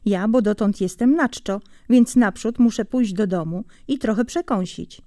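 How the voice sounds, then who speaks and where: A woman's voice: mid-range voice, normal speed, mellow, dry recording, studio quality, natural voice. A woman reading a storybook, voicing a clever, stubborn male hedgehog who is cunning and bossy. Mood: sly. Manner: cunning, bossy to his wife.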